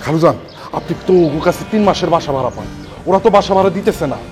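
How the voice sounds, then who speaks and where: A man's voice: fairly high pitch, lively intonation, racing, close to an everyday voice. An actor playing a young male house caretaker, fussy and scheming, speaking in an anxious way. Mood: fretful. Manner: anxious, calls everyone uncle-in-law. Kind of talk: TV comedy drama. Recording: music bed under dialogue.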